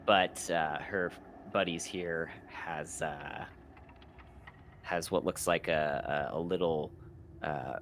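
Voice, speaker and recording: Low-voiced guy running a tabletop game, bright forceful tone, lots of ums, faint noise. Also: fairly even intonation. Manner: halting, many fillers while describing. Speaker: game master.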